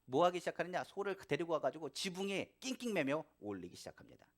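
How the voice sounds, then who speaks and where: A man's voice: fairly high pitch, fast. A male pastor preaching a sermon in church, telling stories and acting out the voices in them. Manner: animated storytelling, acting out quoted voices. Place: church sanctuary.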